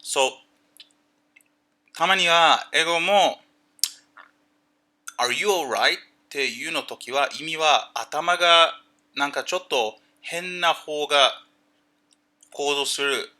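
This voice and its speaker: Man, casual livestream chat, unhurried delivery, sharp bright timbre, halting explanations, lots of fillers. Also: on the high side. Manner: greets chat viewers by name.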